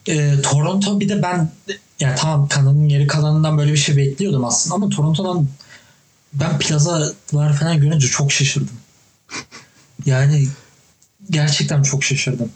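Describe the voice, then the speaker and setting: Animated young man telling stories. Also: fairly high pitch, normal speed, reverberant, low-quality recording. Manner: animated storytelling, swears casually. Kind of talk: casual chat.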